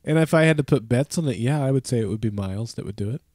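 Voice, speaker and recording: Speaking rapid-fire and expressively, a podcast host in his thirties has a medium-pitched, darkish voice made nasal and stuffy by a head cold. His casual chat rambles with frequent restarts, self-corrections and regular chuckles. The sound is clean studio audio with no room sound.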